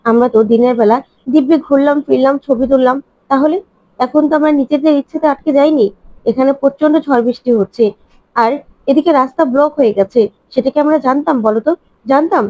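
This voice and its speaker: A woman's voice: high voice, dark tone, no room sound, natural voice. A woman voicing an adult man who is insistent, hurt and defensive, pressing one reproachful question after another in a dry, dull recording. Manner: pleading, rapid, reproachful questions.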